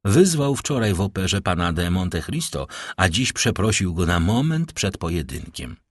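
A man reading an audiobook, voicing a proud, outspoken young woman who speaks sharply and emphatically in a husky voice. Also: sits low, sing-song, normal speed, no room sound, clean studio sound. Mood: cutting.

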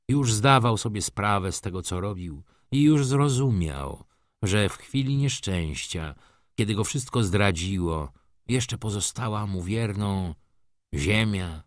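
A man with a fairly low voice reads a classic novel aloud, measured and dramatic. He moves between hushed passages and intense ones. The sound is dry and close. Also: no echo. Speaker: audiobook narrator. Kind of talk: dramatic literary reading.

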